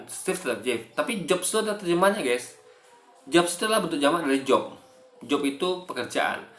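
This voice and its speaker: A man's voice: medium pitch, a bit bright. A man giving rambling, casual video commentary, full of fillers and remarks to his viewers. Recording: roomy echo.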